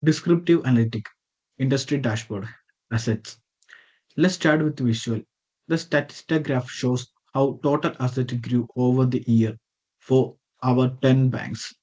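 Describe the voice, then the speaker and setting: A man's voice: mid-range voice, a little slow, a little mellow. Man presenting over a muffled video call. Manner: reads from a script with small slips and self-corrections. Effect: heard over a video call. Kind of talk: reading a prepared slide presentation.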